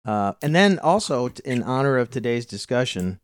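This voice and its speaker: An American man hosting a casual movie-review podcast, chatty and quick to laugh, often restarting his sentences. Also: medium pitch, sing-song, clean tone, dry recording, studio quality. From United States. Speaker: podcast host.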